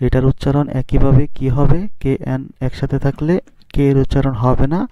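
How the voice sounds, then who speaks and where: This male teacher has a medium-pitched, mellow voice with a flat delivery and no room sound. He walks the class through phonics rules for reading English, sounding out letters one at a time slowly and quizzing students on pronunciation. The audio is dry and dull, with a lo-fi quality.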